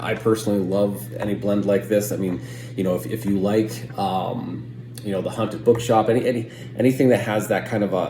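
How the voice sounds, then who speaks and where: American man, deep voice, casual rambling reviewer, hesitant phrasing, roomy echo, faint background noise. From United States. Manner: rambling, hesitant, circling back to qualify points. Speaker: pipe tobacco reviewer.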